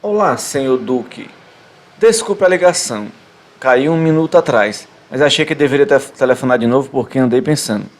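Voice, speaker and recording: A man's voice: medium pitch, close to an everyday voice. Man reading as a nervous, stammering hotel clerk. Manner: halting, stammering, polite. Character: nervous, hesitant male hotel receptionist.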